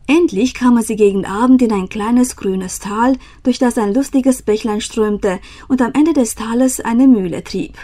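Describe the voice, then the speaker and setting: A woman reads an old fairy tale aloud in a calm, measured way. Her voice sits fairly high for a woman. The storytelling is steady and unhurried.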